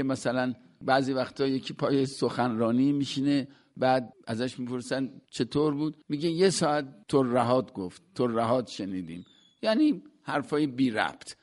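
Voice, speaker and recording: Man patiently explaining classical verse. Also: mid-range voice. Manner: recites verse lines, then glosses each word plainly. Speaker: teacher explaining classical poetry. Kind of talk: conversational lecture.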